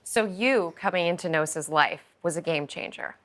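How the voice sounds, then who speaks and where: A woman's voice: fairly low pitch, moderate pace, fairly bright tone. A woman in her thirties hosting a live television broadcast, upbeat and enthusiastic as she introduces guests and asks questions. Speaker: host. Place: television studio.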